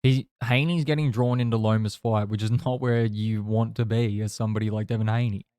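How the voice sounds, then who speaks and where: A man's voice: on the low side, fairly even intonation, brisk, dark tone, clean tone, no echo. A man chatting casually and bluntly through live fight commentary, swearing now and then. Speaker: boxing watch-along podcast host.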